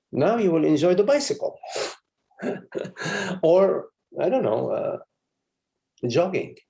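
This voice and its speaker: A man's voice: medium pitch, gravelly, mellow. A man, a spiritual teacher, giving a meditative live satsang talk in a meandering, conversational way with frequent chuckles and asides.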